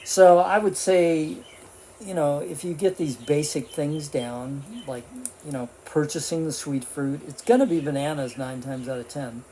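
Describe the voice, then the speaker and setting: A man's voice: a little high, a little slow, warm tone, slight background noise. Rambling man in his seventies. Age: 70s. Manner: rambling, with many fillers and restarts; talking with his mouth full while eating. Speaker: vlogger. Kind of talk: casual vlog monologue.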